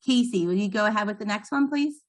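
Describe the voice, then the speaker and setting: Speaking quickly in a mid-range voice, a woman trainer instructs her trainees. Her explanations are patient, and she keeps encouraging the group.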